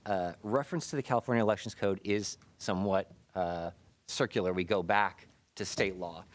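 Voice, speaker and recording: An American man, probably in his thirties, gives a formal, measured presentation at a public meeting, his voice muffled by a face mask. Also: low-pitched, dry recording. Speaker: city staff presenter reporting to a committee. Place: indoor city committee meeting room.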